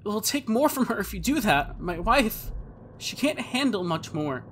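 A woman's voice: mid-range voice, very animated, measured pace, a bit bright, a little hiss or hum. Woman doing a frantic, strained man on the phone. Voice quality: tight, strained, manic. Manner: urgent, barking commands. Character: panicked frightened middle-aged man on the phone.

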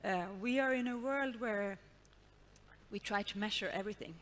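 A woman's voice: mid-range voice, moderate pace, a bit bright. Middle-aged woman pondering on a panel. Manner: reflective, with frequent hesitations. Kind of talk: panel discussion. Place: large stage. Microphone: headset.

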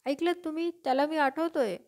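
A woman voicing an excitable little wizard who exclaims eagerly. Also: high-pitched, normal speed, natural voice. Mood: excited.

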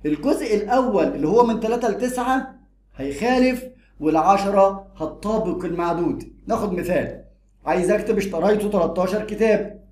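An Egyptian male grammar teacher gives an explanatory lesson in a brisk, high-pitched voice. Lively in manner, he repeats and drills the rules, and the room sounds echoey.

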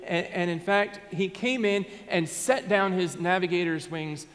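Man in his 30s, Southern US accent, pastor, earnest sermon, soft hushed drops, fairly high voice, long church reverb. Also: unhurried. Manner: earnest, drops to a soft hush on key words. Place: church sanctuary, in front of a Christmas tree.

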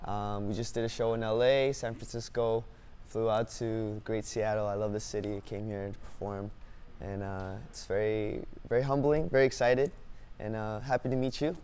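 A young man, a singer-songwriter born in South Korea and raised in Canada, answering interview questions in a relaxed, upbeat way with lots of fillers, on a lapel mic in a dim studio. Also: lowish voice, normal speed, slight background noise. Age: young adult. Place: dim indoor studio set.

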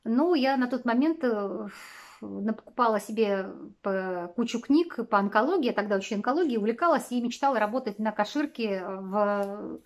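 A woman's voice: on the high side, animated, normal speed. A woman in her forties from Russia chatting casually to camera in a rambling way, full of fillers and small laughs, in a small wood-panelled room. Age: 40s. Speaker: vlogger.

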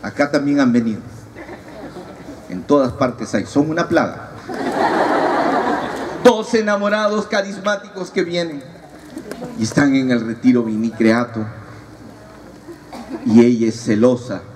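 A man's voice: medium pitch, measured pace, pauses often, a little mellow. A man giving a humorous preaching talk at a youth retreat and teasing his audience. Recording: distant mic, audible crowd, noisy.

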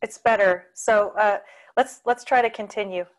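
A woman's voice: medium pitch, normal speed. A woman moderating a webinar over a conference call line that cuts in and out, speaking hesitantly with lots of fillers. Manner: hesitant, polite interrupting with fillers. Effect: conference call audio that cuts in and out.

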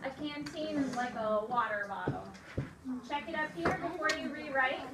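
A woman teacher leading a phonics dictation lesson, modeling each word slowly sound by sound and giving clear, encouraging prompts to the children. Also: sits high, lively intonation. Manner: slow, sound-by-sound modeling of words. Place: classroom. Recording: echoey room, distant mic, loud hiss.

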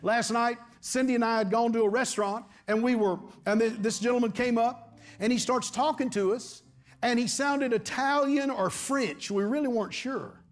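Preaching from a church stage, a middle-aged pastor from Texas delivers his sermon in a strikingly high voice, with fairly even intonation at normal speed. Repeated phrases drive his message home, and he calls for amens and hallelujahs from the congregation.

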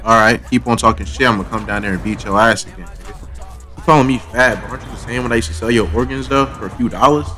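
A man's voice: mid-range voice, fast, pushed and bright, lightly acted. A man voicing a cocky, threatening young street bully in an overacted anime dub parody, taunting and swearing. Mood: scornful, threatening.

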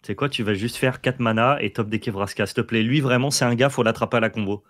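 A man's voice: medium pitch, fairly even intonation, quick pace, a bit bright. A man co-hosting a card game video, bantering and joking as he comments on the plays. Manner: jokey, banters, apologizes playfully. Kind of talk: casual gameplay chat.

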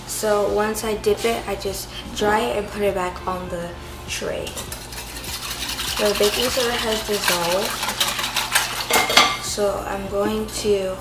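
A woman demonstrates a recipe indoors at her kitchen countertop, casual and chatty, her steps full of "like" and "so." She's a home cooking vlogger with a medium-pitched voice. The sound is roomy and the recording low in quality.

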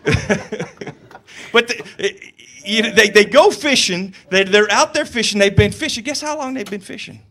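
A male pastor preaches a sermon in a chatty, storytelling style with humor mixed in, at a moderate pace. His voice sits notably high for a man, and he stays lively and conversational all the way through.

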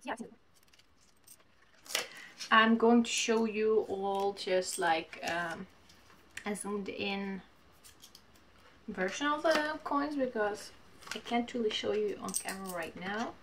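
A woman in her twenties chatting casually while opening mail at home, gushing and reading letters aloud haltingly. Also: medium pitch, background noise. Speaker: vlogger. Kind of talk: casual unboxing chat. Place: small home room, indoors.

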